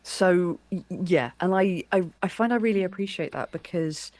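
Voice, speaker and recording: A woman's voice: fairly low pitch, moderate pace, a little mellow, no echo. A woman interviewer in a casual conversation, reflecting thoughtfully and restarting her sentences as she thinks.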